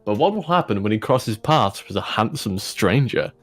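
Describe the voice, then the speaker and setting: Hosting a fan fiction reading video, this man reads at a moderate pace in a somewhat low, animated voice, laughing and tossing off casual commentary along the way. Soft background music runs under his jokey delivery.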